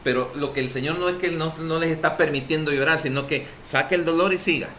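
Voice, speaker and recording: A man's voice: fairly high pitch, fast, fairly bright tone, slight background noise. A man with a Salvadoran accent preaching a sermon as pastor at a church service, emphatic and drawing responses from the congregation. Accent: Salvadoran Spanish.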